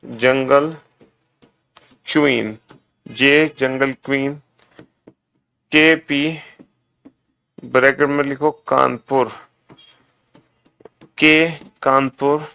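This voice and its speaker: A man teaching an online exam-prep lesson, drilling students slowly and repetitively, calling them beta. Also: medium pitch, steady tone, vocal fry, bright, forceful tone, clean tone.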